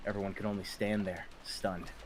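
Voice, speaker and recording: A man's voice: on the low side, level tone, moderate pace, slight background noise. A man narrating a visual novel as a streamer, slipping between scripted reading and casual chat.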